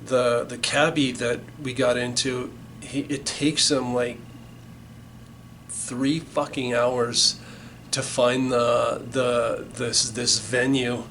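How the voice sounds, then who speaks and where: A man's voice: mid-range voice, level tone, slow, fairly bright tone, slight background noise, poor audio. A middle-aged man casually telling a band story, rambling and swearing a lot with many restarts. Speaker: band member recalling the band's origins. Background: music.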